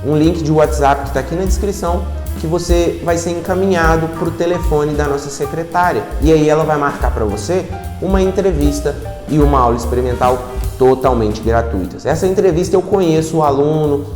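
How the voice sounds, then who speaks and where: A man's voice: fairly high pitch, fairly quick, echoey room, big-room sound, soft background music. Chatty Brazilian man teaching English. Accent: Brazilian Portuguese. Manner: relaxed and chatty, checks in with listeners. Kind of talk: online English lesson.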